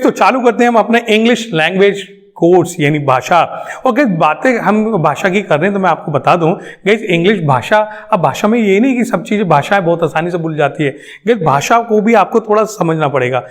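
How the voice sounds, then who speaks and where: An English trainer, a man with a high, animated voice, gives a class lecture at a moderate pace. He is emphatic, goes over his points more than once, and asks questions only to answer them himself.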